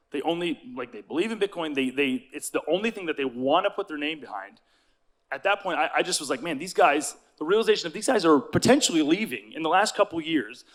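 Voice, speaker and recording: A man with a fairly high voice hosts a conference from a theater stage, introducing a speaker. He talks with enthusiasm, stumbling and repeating words as he goes. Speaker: conference host.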